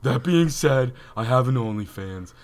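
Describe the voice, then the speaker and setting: A man's voice: medium pitch, lively intonation, moderate pace, darkish tone, natural voice. A man voicing an annoying, brash young woman fan in a mocking rant.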